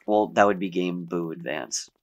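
A young man playing a video game, chatting playfully and muttering low asides. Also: normal speed, lo-fi sound. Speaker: let's play host. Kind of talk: casual gameplay chat.

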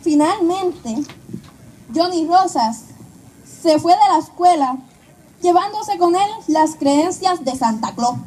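Woman stage narrator, very high voice, slow storytelling delivery, noisy outdoor amateur recording. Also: animated, a little mellow. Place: outdoor tented stage at night.

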